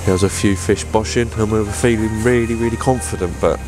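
A man in his thirties talks to camera from inside a fishing tent, low-pitched and easygoing, rambling along with fillers and restarts. A lapel mic picks him up close, with music running clearly underneath. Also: steady tone, fairly quick. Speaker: fishing vlogger. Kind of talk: casual vlog chat to camera. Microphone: clip-on lapel mic.

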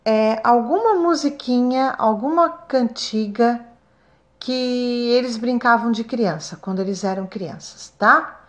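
A Brazilian woman with a slightly high voice records a lesson for first-grade pupils. She talks slowly and kindly, stretching syllables out and checking in with the children often. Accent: Brazilian Portuguese. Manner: slow, sing-song, stretches syllables for children.

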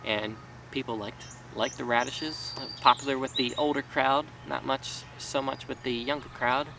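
Recorded by a camera mic a few feet away, this casual vlog has a distant sound with faint outdoor background noise. The speaker, a small farmer in his thirties out in his vegetable garden, rambles with fillers and restarts in a medium-pitched voice that has vocal fry and fairly even intonation, at a normal speed.

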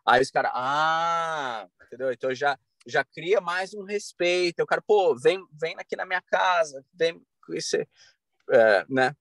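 A man in his thirties from Brazil, a podcast guest talking earnestly over a video call from a bright room at home, with many restarts and fillers. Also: a little high, expressive, unhurried, dry recording. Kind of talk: casual interview talk. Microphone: video call webcam.

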